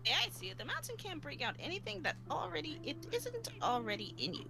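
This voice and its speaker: A woman's voice: high-pitched, very animated, quick pace, vocal fry, loud music behind the voice, voice pushed up, full character voice. A woman putting on a teasing old mountain granny. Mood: cryptic. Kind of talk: live reading of game dialogue.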